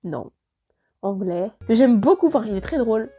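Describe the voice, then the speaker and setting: A woman's voice: a little high, animated, moderate pace, dark tone, slightly rough, faint music behind. A young woman vlogging casually through a year-review Q&A, gushing and rambling as she keeps interrupting herself.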